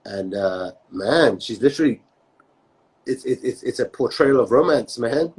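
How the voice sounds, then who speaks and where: A man hosting a casual live-stream interview, talking in quick bursts full of restarts. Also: medium pitch, expressive, a little mellow, slightly rough, rough recording. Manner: rapid, halting, many restarts and "man". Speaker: host.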